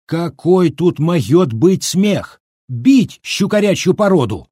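A man's voice: a little high, very animated, slow pace, dark tone, breathy edge, no room sound, studio quality, voice pushed up, full character voice. A man voicing an indignant male Cossack farmer who bellows in shock. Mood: outraged.

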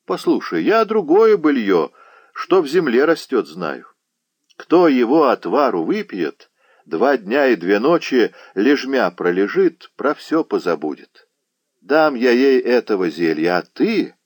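A man voicing a loud, sharp-tongued old witch woman in an audiobook, with a shrill, mocking way of talking. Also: very animated, a little slow, no room sound, studio quality. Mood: scolding.

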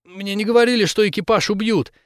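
A man voicing a frightened young woman hacker who pleads in a rapid, tearful way. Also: high voice, dry recording, clean studio sound, pitched above the performer's own voice, lightly acted. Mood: frantic.

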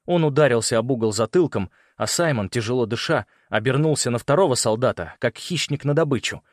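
A man narrates an audiobook with measured, dramatic storytelling. His voice sits at an ordinary middle pitch. The sound is close and dry. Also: expressive, no echo. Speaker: audiobook reader.

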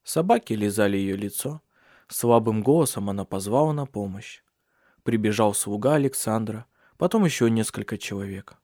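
A man calmly reading a novel aloud as narrator. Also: on the low side, moderate pace, no echo, studio quality. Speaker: audiobook narrator. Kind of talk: scripted narration.

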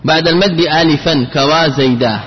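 A man's voice: on the high side, a little fast, slightly rough. A man with a slightly raised voice teaches a grammar lesson. He poses rhetorical questions and restates key phrases again and again. The sound is dull and lo-fi, with a long hall echo. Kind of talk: classroom lecture on Arabic grammar.

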